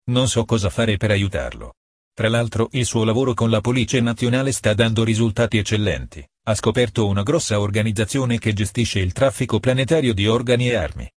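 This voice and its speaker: A man reading a novel aloud as narrator, in a steady, measured way. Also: on the low side, breathy edge, no echo, clean studio sound. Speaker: audiobook narrator. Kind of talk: scripted narration.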